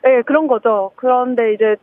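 High-voiced shy woman in her 30s, tinny phone line, dry sound, giggly. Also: moderate pace, no echo. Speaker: caller. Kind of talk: casual radio phone-in chat. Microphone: phone call from a moving car.

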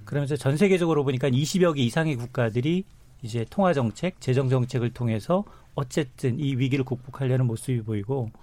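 Male economics panelist for radio discussion; mid-pitched, mellow, conversational explainer. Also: quick pace, dry recording.

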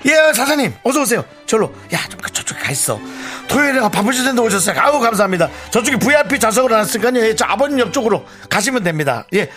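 A man's voice: sits high, very animated, fast, hardly any pauses, fairly bright tone, soft background music. A man playing a pushy, self-centered friend in a radio skit, fawning to guests and whiny to his friend.

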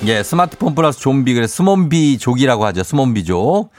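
A man's voice: medium pitch, big pitch swings, a little fast, over loud music. A man hosting a radio quiz as a game show host, announcing theatrically with suspenseful repeats and dropping into casual chat.

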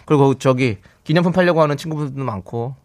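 A man's voice: mid-range voice, fast, a little mellow. A man hosting a radio show in a casual chatty way, reading out listener messages with upbeat energy. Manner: upbeat, reads out listener texts. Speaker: radio host.

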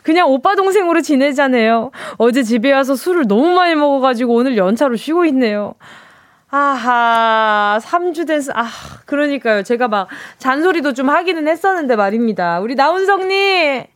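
A woman's voice: high voice, lively intonation, moderate pace, no echo. A woman hosting a live radio show, reading listener texts in a playful, chatty way from a studio microphone.

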